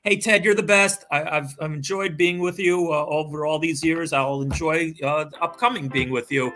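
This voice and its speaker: A man's voice: on the high side, fairly even intonation, moderate pace, bright, forceful tone, faint music behind. A man hosting a casual interview, a former player, asking friendly, rambling questions. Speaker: host, former basketball player.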